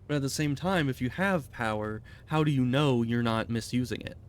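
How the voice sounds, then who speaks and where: A man's voice: medium pitch, moderate pace. A man streaming a game, chatting casually and rambling as he thinks aloud. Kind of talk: casual gameplay commentary.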